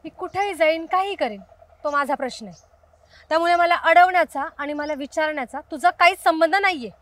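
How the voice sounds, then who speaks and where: A young actress playing a sharp, scornful village woman who stands up to a stalker. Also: very high-pitched, fairly quick. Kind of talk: web series acting.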